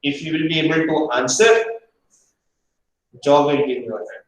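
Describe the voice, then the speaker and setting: A man's voice: a little high, normal speed. A man teaching a hotel management practical class, stern and repetitive, pressing students for answers. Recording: echoey room from far off.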